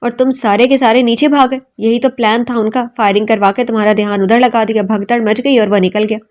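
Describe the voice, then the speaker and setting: A woman's voice: on the high side, fairly even intonation, natural voice. Woman reading as a furious police chief. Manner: shouting, scolding. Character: angry male police superintendent, furious commander.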